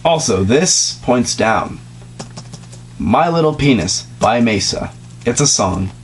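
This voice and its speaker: Slow and animated, a man with a mid-range voice performs an informal mock-dramatic reading of comedic fan fiction, joking on the side and occasionally stumbling. Faint music sits behind him in this noisy amateur recording.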